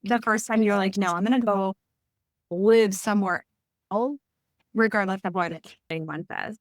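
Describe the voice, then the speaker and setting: A young woman hosts a podcast conversation, eager and chatty, and often says "like." Her voice sits at a middling pitch and is recorded dry and close. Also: moderate pace, no echo. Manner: enthusiastic, chatty, filler-heavy questions. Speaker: podcast host. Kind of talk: casual conversational interview.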